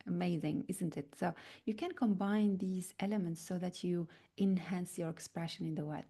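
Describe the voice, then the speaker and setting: A woman from North Africa gives a reflective spiritual talk, slow and searching, with many pauses and fillers. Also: lowish voice, steady tone, mellow, breathy edge. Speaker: spiritual teacher.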